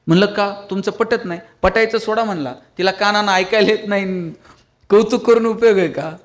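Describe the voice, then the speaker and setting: A man's voice: high voice, fairly quick. A man giving a motivational lecture to an audience, telling funny stories and pleading with his listeners. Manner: storytelling with humor, pleading with the audience. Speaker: public speaker.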